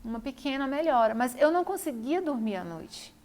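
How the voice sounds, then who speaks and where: A woman's voice: high voice, very animated, brisk, darkish tone. Woman recounting a personal ordeal. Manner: repetitive, emphatic retelling. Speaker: vlogger. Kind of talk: personal storytelling to camera.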